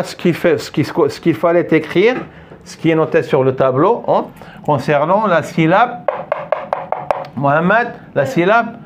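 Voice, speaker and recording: Slow, patient male French teacher. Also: a little high. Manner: patient, repeats words and checks understanding often. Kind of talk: classroom lesson. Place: classroom with a board.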